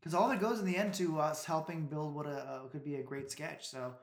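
A man's voice: fairly high pitch, fairly even intonation, reverberant. A man co-hosting a casual group podcast, teasing and joking with the others. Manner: quick, teasing. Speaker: podcast co-host.

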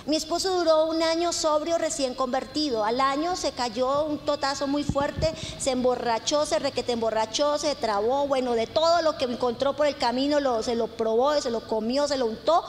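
High-voiced woman pastor preaching in a hall. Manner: emphatic storytelling preacher, lists and repeats phrases. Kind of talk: sermon. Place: church hall. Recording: reverberant church hall with faint noise.

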